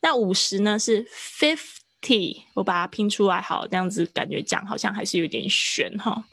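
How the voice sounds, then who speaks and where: A woman teaching a live online English lesson, explaining at length and stretching out words slowly to demonstrate them. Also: mid-range voice, fairly even intonation, gravelly, fairly bright tone, slightly rough, dry recording. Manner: slow, drawn-out pronunciation demonstrations. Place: online class.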